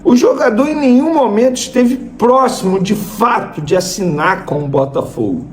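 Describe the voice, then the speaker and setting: A man's voice: sits high, animated, normal speed. A Brazilian man giving informal football news and opinion as a host, emphatically repeating points and answering his own questions.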